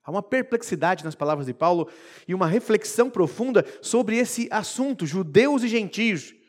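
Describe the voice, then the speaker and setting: A male preacher giving an expressive sermon, moving between hushed and emphatic delivery. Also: sits high, moderate pace.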